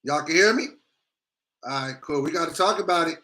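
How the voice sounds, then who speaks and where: Guy livestreaming w a grill in his teeth, higher forceful voice, slangy and blunt, just chatting. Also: fairly quick. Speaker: livestream host. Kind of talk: casual livestream chat.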